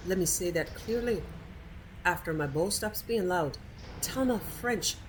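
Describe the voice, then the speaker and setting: A woman's voice: fairly low pitch, expressive, measured pace, poor audio. An American woman from New Jersey giving chatty, salty-tongued casual commentary over a game playthrough. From New Jersey, United States. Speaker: gamer recording a playthrough. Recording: game ambience and noise behind.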